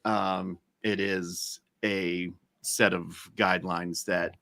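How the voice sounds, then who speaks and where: Guy with a really deep but bright edgy voice, explaining stuff on a stream, lots of ums. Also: flat delivery, slow, creaky. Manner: explaining, hesitant with fillers. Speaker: guest, accessibility expert. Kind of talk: casual chat on a live stream.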